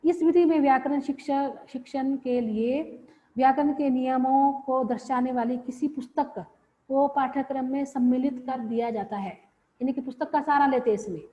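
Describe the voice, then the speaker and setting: A woman's voice: high voice, steady tone, warm tone. Woman teaching in a reverberant room. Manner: explains slowly with repeated phrases and pauses. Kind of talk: classroom lecture. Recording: dull lo-fi audio with long reverb.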